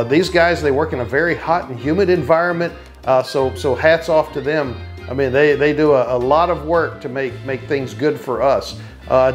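A man in his fifties recapping a cruise ship tour to camera from a small cabin, chatty with lots of fillers and restarts. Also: on the high side. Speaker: travel vlogger. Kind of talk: casual travel recap to camera.

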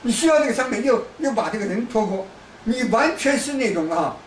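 A man's voice: extremely high pitch, animated, a little fast. A man from China giving a rambling, lecturing political monologue, full of repeated restarts and pointed asides to the listener. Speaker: political commentator. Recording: roomy, distant mic, faint background noise.

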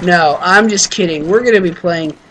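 A man's voice: high voice, normal speed, very noisy. A man hosting casual gameplay commentary, joking and teasing his friend with crude banter. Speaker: gaming channel host.

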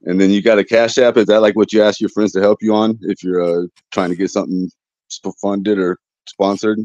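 A man's voice: lowish voice, level tone, fairly quick, a little mellow, dry recording. A young man hosting a casual livestream chat from his phone, rambling and joking with lots of fillers. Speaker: livestream host. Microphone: phone close to face. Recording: dull lo-fi stream audio.

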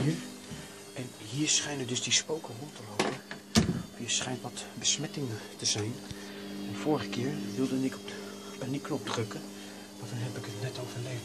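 A man commentates his role-play at a middling pitch. He sounds jumpy, swears a lot and keeps telling himself to stay calm, over a steady layer of background noise. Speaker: gamer doing a role-play.

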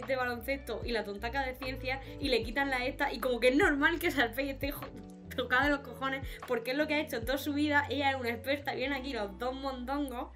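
A young woman with a high-pitched, somewhat bright voice has a cold and chats and laughs often as a podcast co-host. The casual conversation happens over a video call, picked up by a webcam in a room at home.

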